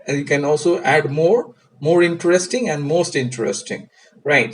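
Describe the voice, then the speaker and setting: Man teaching English grammar, slightly high. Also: rough recording. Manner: patient, repeats "right?" and "crystal clear". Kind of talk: explaining grammar lesson.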